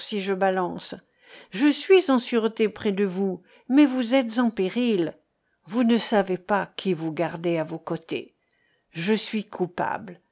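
A woman's voice: a little high, a little mellow. A woman reading the part of an old male harper who is guilt-haunted, fearful and pleading, within a storybook narration. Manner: anguished, pleading.

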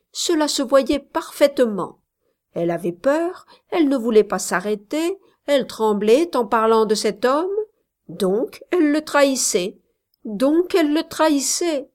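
A woman reads a story aloud in a soft, hushed voice, taking her time over each phrase. Her voice sits fairly high and her narration stays calm and measured.

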